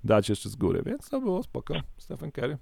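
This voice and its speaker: Animated man rambling in casual chat. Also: fairly high pitch, brisk, gravelly, husky, no echo. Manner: animated, rambling, self-correcting. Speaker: podcast co-host.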